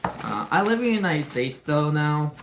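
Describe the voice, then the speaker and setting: A Ukrainian man live-streams on his phone from his home kitchen, chatting casually with viewers, greeting them and explaining each step while he chops. His voice is fairly high and creaky, with big swings in pitch and a moderate pace. The kitchen sounds roomy, with noise in the background.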